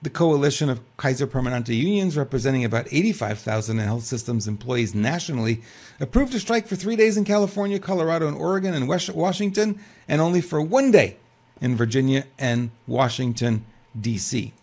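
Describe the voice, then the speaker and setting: A man's voice: mid-range voice, expressive, brisk, a little mellow. An older man co-hosting a political news talk show, reading news aloud and commenting casually with rhetorical questions and frequent restarts.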